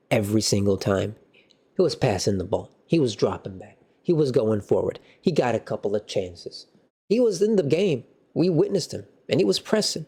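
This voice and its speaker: A man hosting a casual football match reaction, animated and slangy, with excitable outbursts. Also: medium pitch. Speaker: football fan channel host.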